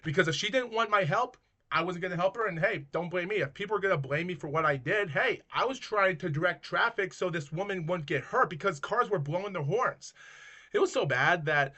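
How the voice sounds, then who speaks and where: A man with a bright, forceful voice pitched a bit high tells a long personal story to his viewers. He rambles, circles back and restarts his sentences, often calling them guys. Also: animated, brisk. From Maine, United States. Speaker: YouTuber telling a personal story. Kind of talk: casual storytelling vlog.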